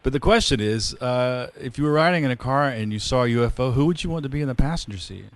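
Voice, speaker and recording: A man's voice: medium pitch, lively intonation, quick pace, dry recording. A man hosting a podcast interview, chatting casually and telling rambling stories with plenty of fillers. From rural area. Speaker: podcast host.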